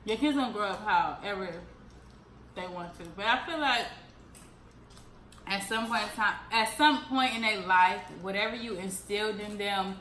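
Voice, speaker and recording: A woman hosts a casual eating chat with friends, relaxed and talkative with a bright, forward voice. She is recorded in an echoey room with faint noise behind her. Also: medium pitch, normal speed. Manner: relaxed, chatty, laughs often. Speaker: channel host.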